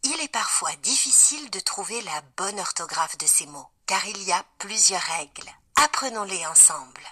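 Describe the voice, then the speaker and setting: A woman giving a scripted spelling lesson to children in a calm, explaining way. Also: mid-range voice, normal speed, slightly rough. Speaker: teacher voice of a learning app.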